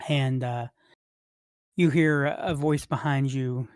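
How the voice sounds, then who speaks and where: A game master narrating a tabletop game in a halting, rambling way with many restarts. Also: medium pitch, fairly even intonation, darkish tone, smooth, no echo, clean studio sound.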